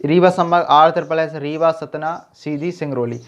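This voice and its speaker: Male tutor, fairly high voice on a muffled recording, drills lists with constant check-ins. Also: steady tone, normal speed. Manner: repeats "ठीक है" and quizzes the viewer. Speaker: teacher. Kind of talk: exam-prep lesson with memory tricks. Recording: dull lo-fi sound.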